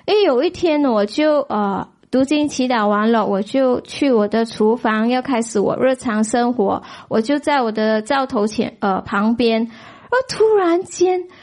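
Woman sharing a church testimony, high voice, animated, exclaims a lot. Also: unhurried. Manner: animated, exclaiming, many fillers. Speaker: church member giving testimony. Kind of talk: emotional personal testimony.

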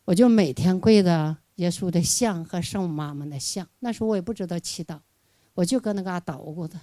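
An older woman with a Northeastern Mandarin accent giving a spontaneous personal testimony at church, halting, repeating herself and restarting, in plain folksy speech. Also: fairly low pitch, warm tone, no room sound.

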